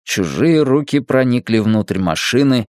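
A man narrating a dramatic audiobook in a steady, measured way. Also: mid-range voice, dry recording, studio quality.

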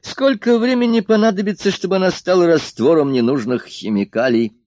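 A man doing a creaky grumpy old doctor. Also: sits high, fairly quick, darkish tone, dry recording, pitched above the performer's own voice, lightly acted. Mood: grumbling, peevish. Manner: grumbling, peevish, bossy. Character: grumpy old doctor with a grey beard, male. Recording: dull dry lo-fi studio recording.

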